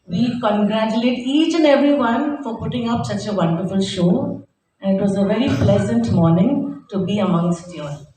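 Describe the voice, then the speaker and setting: A middle-aged or older woman gives a formal public speech as a competition judge, deliberately stressing her points. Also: medium pitch, dark tone. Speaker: competition judge giving remarks. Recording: very echoey hall, distant, faint noise.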